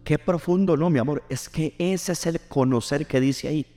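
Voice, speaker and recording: A middle-aged pastor preaches in a high, lifted voice. He talks in an animated way and keeps calling on the congregation to answer him back. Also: normal speed, faint music behind. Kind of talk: sermon.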